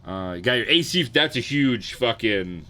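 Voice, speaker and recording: A man's voice: medium pitch, expressive, moderate pace, bright, forceful tone. An American man chatting casually to livestream viewers in slangy, sweary frat-bro talk, sounding hungover. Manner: crude, freely swearing. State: hungover, sluggish. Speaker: live game streamer.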